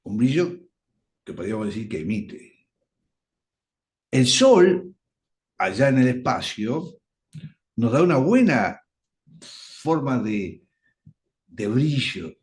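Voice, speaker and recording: A man leads a radio Bible study. He talks slowly and deliberately, his pitch swinging widely as he leans on the key words. He sounds like a patient teacher explaining point by point. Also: big pitch swings, darkish tone.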